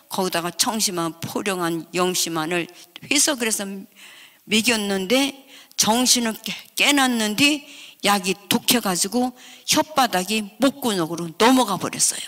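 A woman's voice: mid-range voice, a bit bright. An older woman with a Chungcheong Korean accent gives an emotional testimony at a revival meeting, telling her story vividly. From Chungcheong region, South Korea. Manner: vivid storytelling, acting out family voices. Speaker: guest revival speaker. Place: church sanctuary. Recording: long church-hall reverb.

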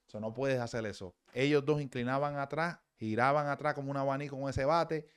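A man's voice: mid-range voice, clean tone. Man breaking down baseball swings. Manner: rapid, repetitive instructions to advance the video. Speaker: co-host analyzing baseball swings. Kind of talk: casual banter and swing breakdown.

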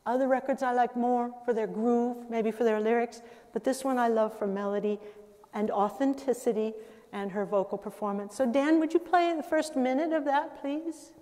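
An older woman giving a conversational public lecture about music, pausing and laughing between thoughts. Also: a little high, mellow. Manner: conversational, with laughs and self-interruptions. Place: lecture hall. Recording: reverberant lecture hall sound.

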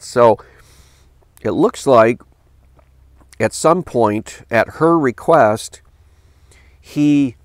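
A middle-aged man, a pastor, reading a news article aloud and stopping to question it in an earnest voice, at a desk in a home office. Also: no echo. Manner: earnest, questioning, reads quotes in a lower flat tone. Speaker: pastor commentator.

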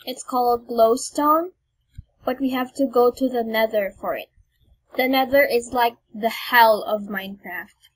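A woman's voice: a little high, breathy edge, poor audio. A young woman casually chatting while playing a video game, teaching and teasing her mother in a bossy way. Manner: bossy, teasing, quick to scold. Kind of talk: casual gameplay chat. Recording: faint background noise.

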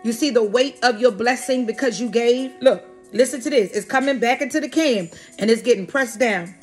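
Woman prophetess, animated preaching, higher voice, soft music under her, repeats herself and shouts hallelujah. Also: moderate pace, slightly rough. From Philadelphia. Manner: repetitive, exclamatory, frequent hallelujahs and laughs. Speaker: prophetess preaching to an online congregation. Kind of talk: lively sermon with call-outs to viewers.

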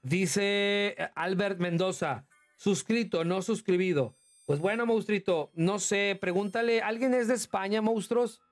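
A man's voice: sits high, measured pace, faint music behind. A man with a Mexican accent chatting casually on a livestream, talking through his game moves and thanking viewers by name. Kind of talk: casual livestream gaming commentary.

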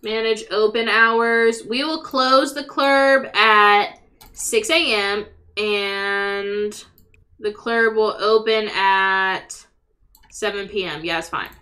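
A young woman casually commentating on a game as a live streamer and chatting with viewers, sweary and excitable. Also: fairly high pitch, very slow. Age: young adult. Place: small room at home, indoors.

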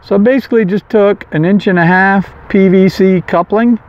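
A middle-aged man with a slightly high voice talks through his kayak fishing setup outdoors, plain and chatty, filming close up as he points things out. The audio is dull and a little lo-fi. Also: normal speed. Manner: plain, chatty, hands-on explaining with fillers. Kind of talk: casual show-and-tell walkthrough.

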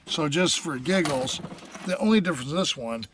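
A man's voice: on the high side, animated, moderate pace, fairly bright tone, recorded from a distance. Older man chatting folksy fishing tips. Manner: folksy, many "you know" fillers. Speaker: fishing guide. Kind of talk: casual instructional chat. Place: small boat on a calm river outdoors. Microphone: action camera on the boat. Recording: outdoor camera mic with noise.

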